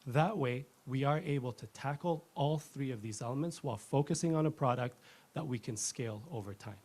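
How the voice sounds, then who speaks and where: A man in his thirties from Ethiopia, giving a rehearsed pitch as a company founder in an earnest, fluent way. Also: fairly quick, darkish tone.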